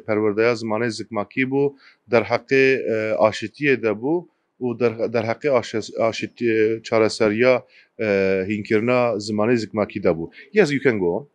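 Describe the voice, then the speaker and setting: Halting male interviewer and interpreter, dry sound. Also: on the low side, no echo. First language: Kurdish. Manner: halting, hesitant, searching for words.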